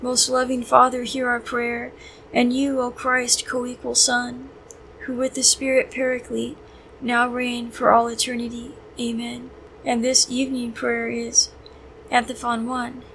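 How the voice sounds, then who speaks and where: A woman leading evening prayer, reading hymns and psalms in a measured, reverent way, with short plain remarks between them. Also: fairly high pitch, completely flat delivery, a bit bright, a little hiss or hum, poor audio. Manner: measured, reverent recitation with brief plain asides. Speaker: prayer leader. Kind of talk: reading the Liturgy of the Hours aloud.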